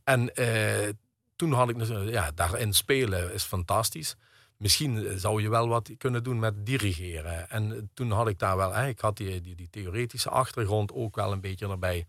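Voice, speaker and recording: In a radio interview, a middle-aged percussionist and conductor talks hesitantly, full of fillers and restarts. His voice is on the low side and a bit bright, at a moderate pace, with studio-quality sound and no room noise.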